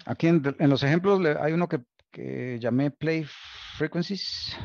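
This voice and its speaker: Male lecturer, gravelly voice, stop-start explaining, dry muffled recording. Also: on the high side, unhurried, a little mellow, no echo. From Costa Rica. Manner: thinking aloud, many restarts and checks like "¿Ok?". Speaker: university lecturer.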